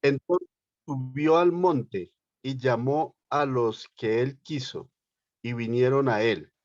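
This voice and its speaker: Brief: male student, mid-pitched, very slow deliberate reading, muffled lo-fi audio. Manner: reads scripture aloud slowly and carefully. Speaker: Bible study participant. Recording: dull lo-fi recording.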